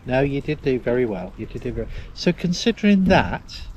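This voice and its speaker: A man's voice: medium pitch, sing-song, a little fast, darkish tone, highs cut off, a little hiss or hum. A middle-aged man, giving wry running commentary on a motorbike ride. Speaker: motorcycle vlogger. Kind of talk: casual chat while riding.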